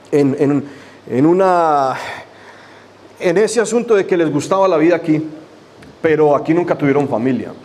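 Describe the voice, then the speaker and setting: First praying fervently and repeating his invocations, then recounting a personal story in an easy, conversational style, a pastor leads the church service. His voice is fairly high and mellow.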